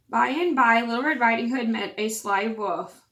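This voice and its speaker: A woman with a scratchy, slightly high and somewhat bright voice hosts her channel, reading a fairytale aloud like a storybook. She adds chatty, apologetic asides as she goes.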